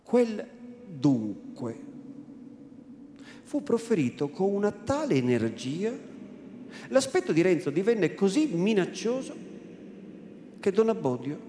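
A man with an Italian accent giving a slow, measured theatrical reading of a novel at a live event in a hall. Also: high voice, mellow, a little hiss or hum. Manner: slow, measured, dramatic narration. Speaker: theatrical reader. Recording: echoey hall, faint ambience.

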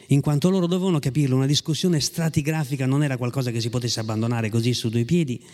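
A man reading a story aloud with a lively, ironic delivery and occasional asides to his listeners. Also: mid-range voice. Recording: long hall reverb.

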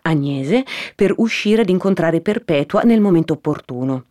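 A woman narrating a classic novel aloud in a measured, dramatic reading style. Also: lowish voice, lively intonation, warm tone.

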